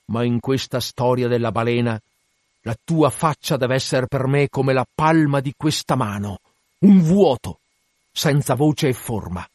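A man's voice: medium pitch, measured pace, a little mellow, dry recording, clean studio sound, natural voice. A man reading fervent old Captain Ahab. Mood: brooding. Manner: commanding, fervent, declamatory. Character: obsessed old one-legged whaling captain, commanding. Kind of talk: dramatic reading.

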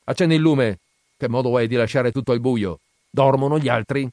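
A man voicing a drunken, bullying father who shouts at his son. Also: medium pitch, brisk, dry recording, clean studio sound, pitched above the performer's own voice, natural voice. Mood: scornful. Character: drunken brutal father, grown man, bitter temper.

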